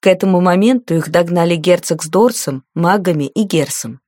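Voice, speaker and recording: A woman reads a fantasy novel aloud in a steady storytelling manner. Her voice sits a little low, and the recording is dry and close with no room sound. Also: a little fast, no echo. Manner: even, storytelling reading. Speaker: audiobook narrator. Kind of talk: scripted fantasy narration.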